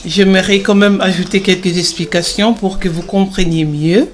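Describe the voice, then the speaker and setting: A woman plays a gentle mother giving kids a Bible lesson in an animated film, explaining and encouraging with a few hesitations. Her medium-pitched voice sounds close to everyday speech.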